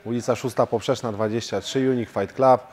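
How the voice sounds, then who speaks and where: Level-toned fighter talking in a gym. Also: male voice, medium pitch, brisk. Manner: steady, level delivery with hesitation fillers. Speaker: professional fighter and coach, gym co-owner. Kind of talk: casual interview answers. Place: martial arts gym.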